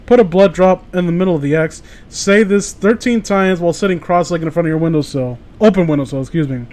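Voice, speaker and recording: This man's voice sits on the high side, with a darkish tone and a slightly quick pace. Co-hosting a laid-back comedy podcast on internet horror stories, he jokes, curses and exclaims, mixing casual banter with mocking read-alouds.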